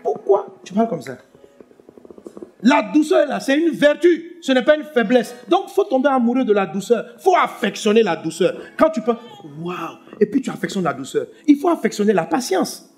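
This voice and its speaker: A pastor preaching a sermon, swinging between loud emphatic lines and hushed ones. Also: male voice, very high-pitched, big pitch swings, a little fast, husky, soft background music.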